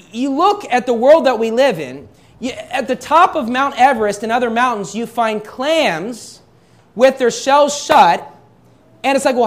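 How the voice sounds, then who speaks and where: Man preaching with rhetorical questions. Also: very high voice. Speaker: pastor. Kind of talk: sermon.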